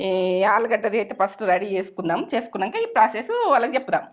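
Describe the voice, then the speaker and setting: A middle-aged woman talks at a brisk clip as she hosts a home cooking video. Her voice sits at an ordinary middle pitch. She chats along casually, circles back over her points and slips homely life advice in between the cooking. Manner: chatty, repeats herself, gives homely advice. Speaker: cooking channel host.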